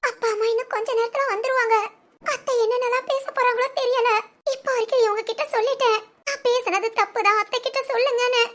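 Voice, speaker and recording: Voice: extremely high pitch, steady tone, quick pace, fairly bright tone, soft background music. A performer voicing a frightened young married woman in a cartoon family drama, pleading and anxious. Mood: worried. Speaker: daughter-in-law.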